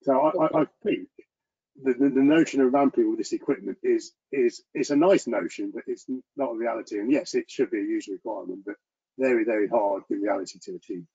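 A man presenting to an engineering meeting over a video call, talking earnestly in a monotone with frequent restarts. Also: mid-range voice, brisk, slightly rough. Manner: self-described monotone delivery. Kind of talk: online presentation and Q&A. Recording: muffled lo-fi video call audio.

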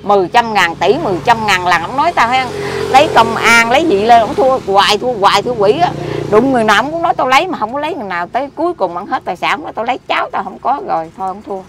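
Rambling fast-talking Southern Vietnamese woman. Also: fairly high pitch. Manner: rambling, excitable, scolding. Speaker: interviewee. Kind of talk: rambling street conversation. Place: outdoors by a street. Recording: loud street traffic behind.

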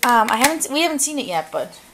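Fast and very animated, a woman with a high voice chats excitedly to viewers in her casual family vlog over background noise. She holds the camera at arm's length, starting out in the car before moving to the kitchen and living room at home.

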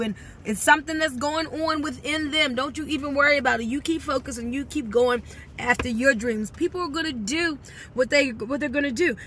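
A woman's voice: a little high, fairly bright tone, a little hiss or hum. A woman giving a motivational talk as a network marketing coach, speaking directly to her viewers with emphatic encouragement.

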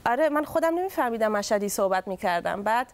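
A woman's voice: fairly high pitch, expressive, smooth. A young woman from Germany with a Mashhadi Persian accent tinged by German, chatting cheerfully as a guest singer on a talk show. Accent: Mashhadi Persian with German influence. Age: young adult. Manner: giggly, cheerful, easygoing. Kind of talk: casual interview chat.

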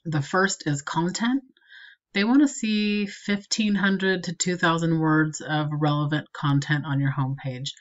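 A woman's voice: deep voice, muffled recording. Woman explaining SEO over a screen recording. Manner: explanatory, steady and practical. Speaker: marketing consultant.

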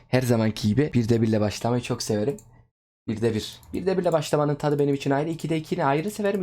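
A young man giving casual, excitable commentary over his own gameplay, chatting to his viewers like friends. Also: mid-range voice. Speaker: gaming YouTuber.

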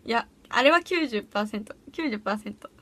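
A woman's voice: on the high side, lively intonation, fast, a bit bright. A teenage girl chatting casually on a solo livestream from a small room at home, bubbly and giggly as she reacts to viewer comments. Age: teens. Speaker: audition livestreamer.

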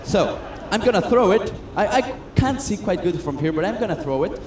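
Man, high voice, chatty self-mocking magician patter; echoey stage, noisy room. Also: sing-song, brisk. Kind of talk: comedic stage patter with audience. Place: cruise ship stage. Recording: echoey stage sound with noise.

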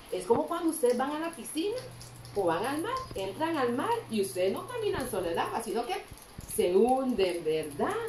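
A woman teaching a Bible story to children in Sunday school, telling it with lively expression and asking the kids questions along the way. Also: fairly high pitch. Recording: roomy echo, distant mic, faint background hum.

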